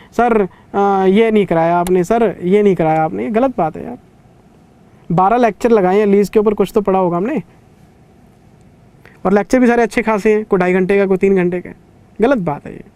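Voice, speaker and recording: High-voiced male teacher, dry close sound. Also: steady tone, brisk, long pauses, darkish tone, no room sound. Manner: scolding yet caring, conversational lecturing. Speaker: CA exam teacher. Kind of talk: online revision lecture.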